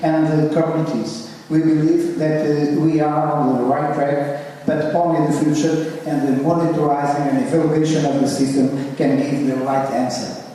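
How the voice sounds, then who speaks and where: A man's voice: fairly high pitch, level tone, moderate pace, hardly any pauses, dark tone, slight background noise. A man speaking at a conference, hesitant with many fillers. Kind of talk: panel statement. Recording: echoey hall from far off.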